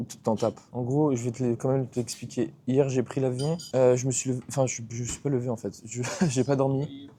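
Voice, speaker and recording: A man's voice: mid-range voice, level tone, brisk, mellow. A young man chatting casually in a travel vlog, rambling and slangy, filmed on a handheld camera at a hotel. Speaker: vlogger.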